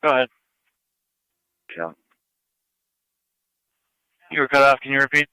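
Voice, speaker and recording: A man's voice: mid-range voice, lively intonation, unhurried, pushed and bright, clear, resonant tone, dry recording. A man calling dispatch on police radio as an officer, with clipped procedural phrasing. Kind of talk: police radio calls, terse.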